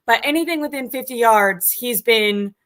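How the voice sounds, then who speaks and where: A chatty woman hosting a live-streamed sports talk show, her voice bright and forward, pitched a little high. She talks loosely, with plenty of ums and likes as she reads off stats. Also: moderate pace. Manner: chatty, many fillers, reads stats aloud. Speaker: sports podcast host.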